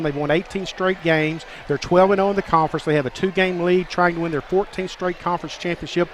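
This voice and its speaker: High-voiced basketball announcer. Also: male voice, fairly bright tone, a little hiss or hum. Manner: formal, stat-heavy broadcaster delivery. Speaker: play-by-play announcer. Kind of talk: college basketball webcast commentary.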